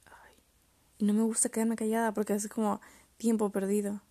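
Young woman muttering in gravelly fry. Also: mid-range voice, completely flat delivery, moderate pace, warm tone, no room sound. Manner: rambling, self-interrupting, often drops to mutters and whispers. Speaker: podcast host. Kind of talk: casual solo chat about poetry.

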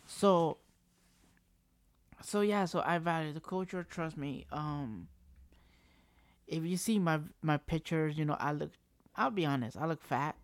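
Speaking a little slowly with long pauses, a fairly high-pitched man in his thirties tells a personal story for his vlog series; there's no room sound. Frank and rambling, he keeps saying "trust me" and "like" and sometimes swears mildly. He's indoors at home, and construction can be heard nearby.

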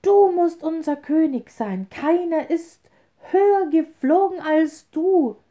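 An indignant flock of birds cries out loudly in raised, high voices, as a woman reading a fairy tale plays them. They sound forceful and protesting, with a mellow warmth underneath. The delivery is unhurried. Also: sing-song, exaggerated voice. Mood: hailing. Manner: indignant, shouting together.

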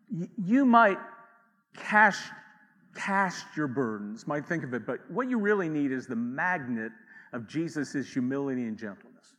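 A man preaches in a bright, forceful voice with a fairly high pitch. His delivery is conversational, full of asides and acted-out quotes. A long reverb trails each phrase, as in a large church hall. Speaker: pastor. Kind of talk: sermon.

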